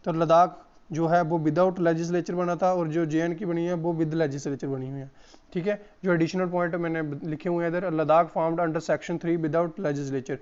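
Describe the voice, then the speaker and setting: A hoarse man giving an exam-prep lesson, repeating each answer and calling his viewers friends. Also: fairly high pitch, fairly even intonation, a little slow, darkish tone, dull audio. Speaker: exam coach.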